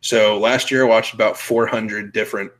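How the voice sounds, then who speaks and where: Low-pitched guy rambling on his show, swears a lot, laughs easy. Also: steady tone, normal speed, fairly bright tone, poor audio. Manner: blunt, loose and profane, laughs easily. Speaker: podcast host. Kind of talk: casual chat.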